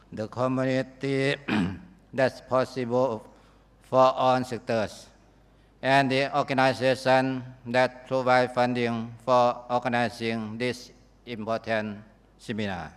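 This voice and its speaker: A man with a Lao accent giving a formal podium speech, phrasing carefully and haltingly, as a government delegate. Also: mid-range voice, flat delivery, clear, resonant tone. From Laos. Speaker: government official, conference delegate. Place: large conference hall. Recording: reverberant large hall.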